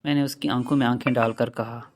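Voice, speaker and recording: A man's voice: mid-range voice, fairly even intonation, dry recording. A man reading a first-person love story aloud, with an earnest, emotional delivery.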